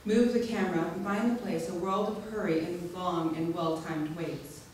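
A woman reading a rhyming poem aloud from a page at an open mic, in a measured, rhythmic delivery. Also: fairly low pitch, steady tone, darkish tone. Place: small lounge venue stage, indoors. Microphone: stand mic, filmed by a far camera. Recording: echoey room, distant mic, background noise.

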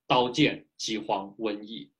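A male pastor preaching a sermon in a lively, animated way, pausing often for an interpreter, speaking from a small home office into a webcam. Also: on the low side, husky. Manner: lively preaching with frequent filler particles.

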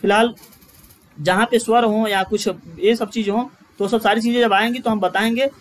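Male online tutor, high-pitched, joking asides to viewers, stretches vowels when chanting. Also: fairly even intonation, moderate pace. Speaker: teacher. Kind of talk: live online Sanskrit grammar class.

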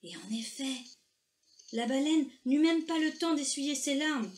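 A woman reading a children's story aloud, slow, gentle and expressive. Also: sits high. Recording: echoey room, faint noise.

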